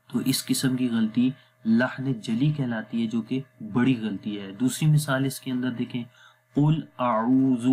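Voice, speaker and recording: A man teaching Quran recitation rules in a patient lesson, often checking whether the listener follows and slowing down to sound out Arabic words. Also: mid-range voice, a little mellow. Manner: patient, repeats "theek hai?" to check understanding. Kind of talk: explanatory lesson.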